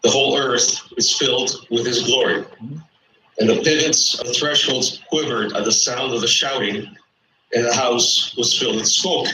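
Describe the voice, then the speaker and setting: A man debating on a live show, reading scripture slowly and answering defensively with stumbling restarts. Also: medium pitch, steady tone, pushed and bright, far from the mic, a little hiss or hum. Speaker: guest in a debate. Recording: echoey room.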